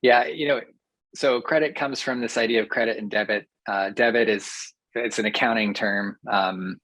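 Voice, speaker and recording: A professor talks through ideas as a podcast guest, speaking in a fairly low voice with steady, considered phrasing. The sound is dry and close, with almost no room around it. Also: male voice, no echo, low-quality recording. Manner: thoughtful, measured, with fillers. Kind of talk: explanatory interview talk.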